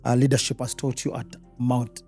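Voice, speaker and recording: A man's voice: medium pitch, level tone, moderate pace, darkish tone, faint music behind. A man with a Rwandan accent hosting a student podcast, full of "uh" and eager "wow" reactions. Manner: many fillers, eager reactions. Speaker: podcast host. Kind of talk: casual interview chat.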